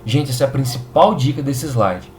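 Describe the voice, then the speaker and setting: A man's voice: medium pitch, expressive, normal speed, faint music behind. A man with a Brazilian Portuguese accent teaching a chemistry video lesson, upbeat and reassuring, often checking in with his students.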